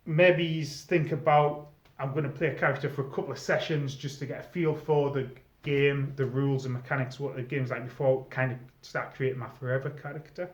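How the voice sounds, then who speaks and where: This middle-aged presenter, once a game storyteller, talks fairly quickly with a medium pitch and fairly even intonation. He explains things to newcomers in a casual advice video monologue. The recording has room echo and a slightly dull quality.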